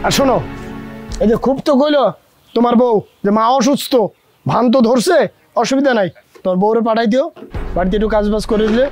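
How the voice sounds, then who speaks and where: A scornful rude younger brother. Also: male voice, extremely high pitch, fairly quick, pauses often, darkish tone, no room sound. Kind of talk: TV drama acting. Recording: music under the dialogue.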